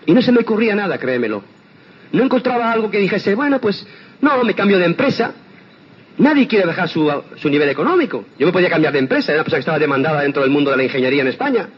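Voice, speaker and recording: An older man from Spain speaking earnestly to an audience, giving a personal testimonial with rhetorical questions. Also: on the high side. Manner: earnest, addresses listeners directly with rhetorical questions. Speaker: motivational speaker. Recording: dull lo-fi sound with faint noise.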